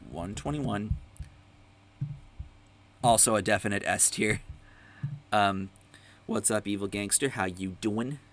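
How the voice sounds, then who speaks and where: A man's voice: on the low side, takes it slowly, long pauses, a bit bright. A young man hosting a casual music tier-list chat, rambling and enthusiastic, full of fillers, swearing now and then. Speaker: host.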